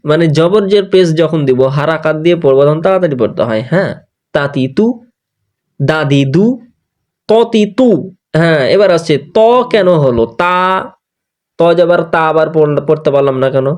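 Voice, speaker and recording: Fairly high-voiced guy teaching quran sounds, slow, repeats letters over and over. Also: a little mellow. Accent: Bangladeshi Bengali. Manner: patient, drills letter sounds slowly and repeats them. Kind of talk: online tajweed class recap.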